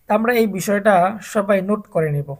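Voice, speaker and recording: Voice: mid-range voice, slight background noise. Patient Bangladeshi Quran reading teacher. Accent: Bangladeshi Bengali. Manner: patient, drills letter sounds slowly and repeats each one. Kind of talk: recorded online class for adult beginners.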